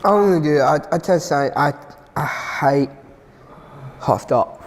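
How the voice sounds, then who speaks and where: A man with a slightly raised voice talks slowly, stammering and repeating his words as he takes part in an eating challenge. His voice rings in a reverberant room with faint music underneath. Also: a little high, slight background noise. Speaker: challenge participant. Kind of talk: casual chat.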